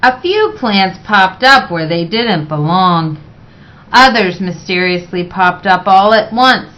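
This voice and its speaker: A woman reading a children's picture book aloud in a measured, expressive way. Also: medium pitch. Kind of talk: read-aloud children's story narration. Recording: dull, lo-fi sound.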